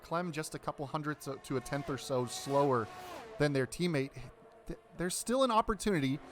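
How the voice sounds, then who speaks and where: A man giving colour commentary on a sim race, analytical and loose, often padding with fillers. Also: on the high side.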